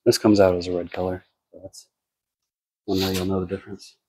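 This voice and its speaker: An American man giving a casual, unscripted product demonstration in a low-key way, thinking aloud as he works. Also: flat delivery, brisk, mellow, slight background noise. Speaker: car care product reviewer.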